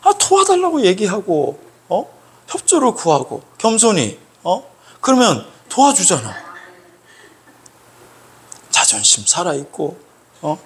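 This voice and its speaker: Animated Korean pastor preaching. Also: male voice, high voice, unhurried, long pauses. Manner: animated, acts out scolding voices, frequent "어?" prompts. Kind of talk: Sunday sermon. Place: church sanctuary.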